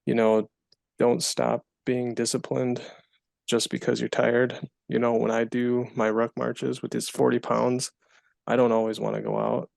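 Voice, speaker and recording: A man co-hosting a podcast, speaking in an earnest, halting and encouraging way. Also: mid-range voice, flat delivery, vocal fry, darkish tone, no room sound. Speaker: podcast co-host. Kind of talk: casual podcast chat.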